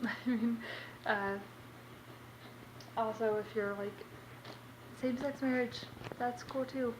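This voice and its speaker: A young woman talking casually in a rambling vlog monologue from her kitchen at home, full of fillers. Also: fairly high pitch. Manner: rambling, chatty, many fillers. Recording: noisy home recording.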